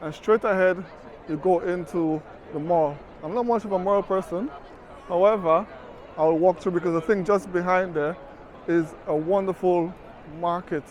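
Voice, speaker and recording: Walking outdoors through city streets with a camera mic, a travel vlogger talks casually at normal speed in a high, darkish voice. He's chatty and conversational, fond of "you know," and there's slight background noise.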